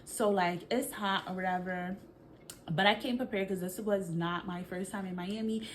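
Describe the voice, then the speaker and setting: A woman's voice: mid-range voice, normal speed, slight background noise. Chatty Brooklyn woman telling a story. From Brooklyn, New York. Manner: animated, chatty, slangy, addresses viewers. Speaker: vlogger. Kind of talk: storytime vlog.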